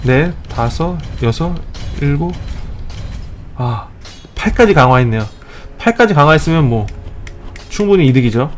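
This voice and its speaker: A man hosting a let's play, giving joking step-by-step tips and scolding the enemies he fights, with sudden excited outbursts. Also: fairly high pitch, normal speed, pauses often, faint music behind. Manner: playful mock-tutorial tone, scolding enemies. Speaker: gaming channel host.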